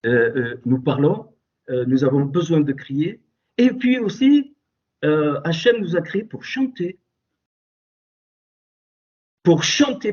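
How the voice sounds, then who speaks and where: Husky guy preaching torah over skype, voice leaps all over, kinda muffled lo-fi call. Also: high-pitched. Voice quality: strong, loud voice. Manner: animated, exclamatory, swings between soft asides and sudden raised outbursts. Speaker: Torah teacher. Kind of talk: impassioned religious teaching. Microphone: computer mic on a Skype call. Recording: dull lo-fi Skype audio.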